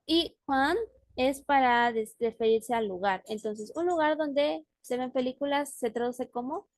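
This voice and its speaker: A woman with a high-sitting voice teaches a language class online over a video call, speaking unhurriedly. She explains words patiently and checks in with her student often, and the recording is dry.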